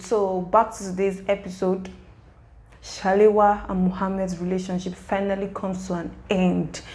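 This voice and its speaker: A woman's voice: mid-range voice, a little mellow, rough recording. A young woman casually recapping a web series episode, talking straight to the characters. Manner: chatty, emotional asides to the characters.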